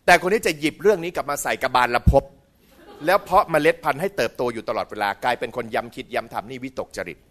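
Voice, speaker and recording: A middle-aged man giving a humorous dharma talk in a school hall. He is animated, mimics voices for comic effect and keeps asking the audience questions. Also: medium pitch, quick pace. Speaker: Buddhist lecturer.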